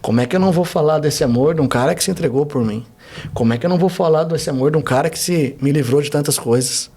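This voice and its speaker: A man speaks as a pastor on a podcast, his words tumbling out quickly in a fairly high voice. He preaches with fervor and builds his testimony into one rhetorical question after another. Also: mellow, husky. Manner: fervent, fast storytelling with rhetorical questions. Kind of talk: testimony and exhortation in a podcast interview.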